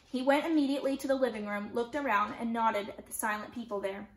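Gentle teacher reading a novel aloud. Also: female voice, fairly high pitch, steady tone, fast. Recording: roomy echo.

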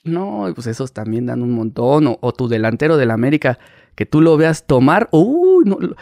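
A Mexican man in his thirties, a paparazzi guest, telling animated stories in casual interview talk, acting out the people he quotes. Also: medium pitch, moderate pace, dry recording, studio quality. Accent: Mexican Spanish. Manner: animated, acts out quoted voices, laughs mid-story.

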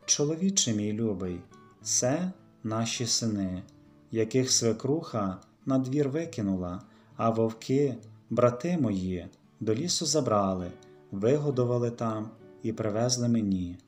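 A man's voice: mid-range voice, lively intonation, measured pace, a little mellow, faint music behind, close to an everyday voice. A tender young wife, read by a man. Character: gentle young wife, long silent.

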